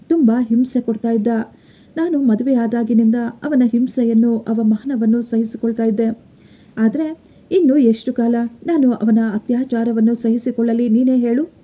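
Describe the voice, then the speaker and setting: A woman's voice: on the high side, dark tone, natural voice. A woman voicing a grieving young mother abandoned by her husband, speaking tearfully. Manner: tearful, pleading.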